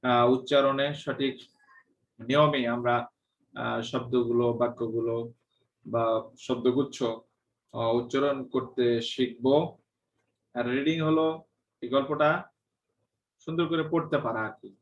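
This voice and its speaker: Slow, hesitant male teacher. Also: medium pitch, fairly even intonation, gravelly, distant mic, muffled recording. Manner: drawn-out, hesitant delivery with frequent 'ah' pauses; mixes English teaching phrases into Bengali. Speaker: English teacher. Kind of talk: online classroom lesson.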